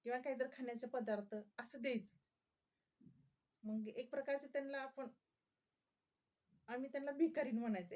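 A woman's voice: high voice, darkish tone. A woman vlogger chatting casually to her viewers, often laughing and asking them questions.

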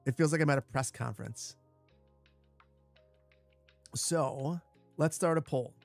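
Boomy-voiced man chatting on a livestream. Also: slow, vocal fry, soft background music. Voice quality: boomy, bass-heavy sound on the mic. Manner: chatty, repeats short phrases. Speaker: livestream host, gamer. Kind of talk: casual livestream chat while gaming. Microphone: close broadcast dynamic microphone.

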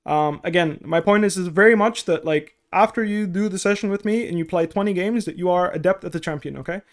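With a brisk, high-pitched voice, a young man who grew up speaking Dutch coaches on a laid-back stream. He sits at a desk in a small indoor room with a headset, fielding chat and explaining step by step with many okays.

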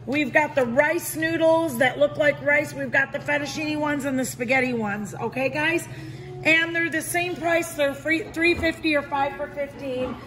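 A woman's voice: sits high, normal speed, a bit bright. A woman in her forties, a shop owner, chatting enthusiastically about products at her market stall, filmed on a phone. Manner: chatty, enthusiastic, keeps saying okay guys. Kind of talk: product demo vlog. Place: indoor market stall with shelves. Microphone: handheld phone camera. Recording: echoey market hall with background noise.

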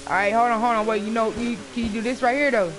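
A woman's voice: fairly high pitch, fairly even intonation, fast talker, music in the background. A young woman chatting casually and bossily in slang while role-playing in an online game. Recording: noisy game stream with vehicle sounds. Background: game engine and ambience noise.

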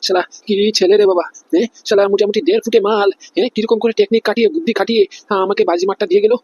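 A man's voice: high voice, steady tone, racing, a little mellow, husky, dull audio. A man voicing a panicky, feverish male police officer who takes bribes, whining and flustered in a cartoon comedy. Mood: groaning. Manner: whiny, flustered, keeps asking "understand?".

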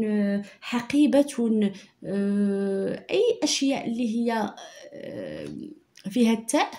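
A woman with a Moroccan Arabic accent teaching a primary school spelling lesson, repeating points patiently and dictating sentences slowly. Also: medium pitch, dark tone. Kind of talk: online lesson explaining handwriting and spelling.

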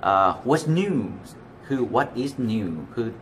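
A man's voice: lowish voice, very slow, fairly bright tone, slight background noise. A man with a Thai accent, a native Thai speaker, giving a casual English lesson and acting out example greetings. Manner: switches between English and Thai, acts out example phrases. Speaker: English teacher.

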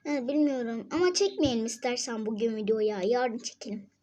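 A man's voice: extremely high pitch, normal speed, a little mellow, a little hiss or hum. A girl voicing a laid-back young father in a doll-game role-play, agreeing to whatever his wife asks. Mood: relaxed.

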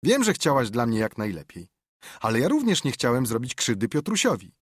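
A man's voice: mid-range voice, wildly swooping pitch, fairly quick, husky, dry recording, studio quality. A man voicing a mischievous, sly young boy who plays innocent in an audiobook. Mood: cheeky. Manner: cheeky, pleading innocence.

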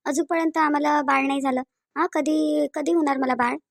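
A woman's voice: high voice, steady tone, brisk, creaky, no echo, clean studio sound. Woman voicing a tearful cartoon wife. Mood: sorrowful. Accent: Varhadi Marathi. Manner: tearful, pleading. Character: sorrowful young wife longing for a baby.

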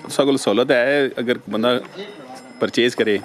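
A man's voice: medium pitch, unhurried. A man giving casual on-site commentary at a cattle farm, repeating short admiring exclamations. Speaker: videographer showing cattle for sale. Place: outdoor cattle farm yard. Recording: noisy outdoor farm recording.

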